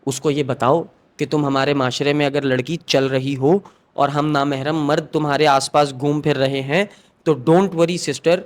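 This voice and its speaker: Earnest, fairly high-voiced podcast host. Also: male voice, fairly even intonation. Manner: earnest, emphatic, agreeing often. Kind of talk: casual chat.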